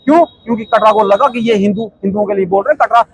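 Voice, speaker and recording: A man's voice: sits high, very fast, husky, no echo, poor audio. A middle-aged man, a protest committee member, giving an impassioned statement full of repeated rhetorical questions.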